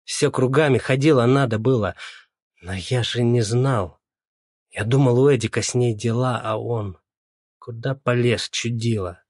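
A man's voice: a little slow, darkish tone, dry recording, clean studio sound, close to an everyday voice. A man voicing a tired, haunted male detective in an audiobook. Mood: bitter. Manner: low, muttering, tired.

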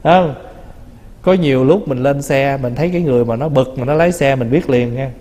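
A man's voice: mid-range voice, brisk, dark tone. A man, a Buddhist monk, giving a conversational dharma talk, teasing and acting out little quoted remarks. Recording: long reverb of a hall.

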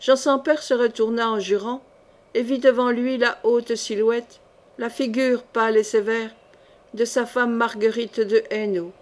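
A woman reads a historical novel aloud in a measured, expressive way. Her voice sits a little high, and the delivery is steady scripted audiobook narration. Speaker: audiobook reader.

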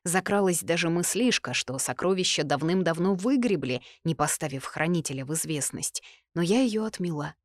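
A woman narrating a first-person fantasy audiobook in an even, wry storytelling manner. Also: lowish voice, moderate pace, few pauses, no echo, clean studio sound.

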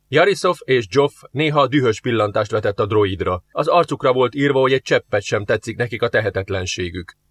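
A man's voice: mid-range voice, a bit bright. Man reading a sci-fi audiobook. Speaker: audiobook narrator. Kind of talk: scripted narration.

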